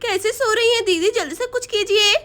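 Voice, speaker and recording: A woman's voice: very high-pitched, fairly quick, a bit bright. A woman voicing a polite, anxious young woman who frets about the sleeping children. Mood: worried. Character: worried young woman, gentle younger sister-in-law.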